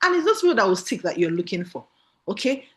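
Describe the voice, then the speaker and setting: A woman business trainer with a Nigerian accent gives a fast motivational training talk in a mid-range voice with big pitch swings. She's emphatic, repeats key phrases and checks that listeners are following.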